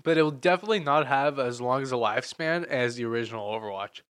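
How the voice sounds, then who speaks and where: A man's voice: medium pitch, quick pace, a bit bright, smooth, no echo, studio quality. A man co-hosting a casual chat, loose and talkative, often eating while he speaks. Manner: chatty, eats while talking, laughs often. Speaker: podcast co-host.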